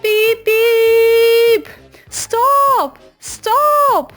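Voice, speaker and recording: A woman's voice: extremely high pitch, steady tone, extremely slow, fairly bright tone, soft background music, voice pushed up, heavily acted. A woman voicing a cheeky little male tank engine in a children's storybook, with exclamatory, whistling calls. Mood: panicked.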